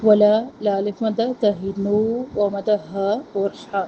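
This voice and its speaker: A woman teaching Quran recitation, reciting each phrase slowly and then quickly explaining its pronunciation rules. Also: mid-range voice, little pitch movement, highs cut off, a little hiss or hum. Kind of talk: tajweed lesson, recitation with rule explanations.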